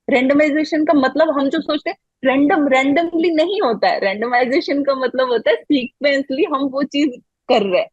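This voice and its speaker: High-voiced woman giving encouraging advice. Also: no echo, dull audio. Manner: encouraging, talks in a flowing chatty way. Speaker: interview guest, medical graduate. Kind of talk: casual advice in an interview.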